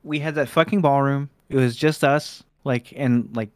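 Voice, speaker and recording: A man's voice: mid-range voice, steady tone, normal speed, no room sound, studio quality. A man hosting a podcast, chatting casually and laughing easily, swearing now and then. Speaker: podcast host.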